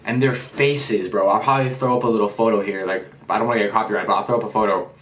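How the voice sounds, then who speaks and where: A young man chatting casually in a vlog review, slangy and excitable, swearing freely. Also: lowish voice, fast. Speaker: anime and manga reviewer. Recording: roomy echo.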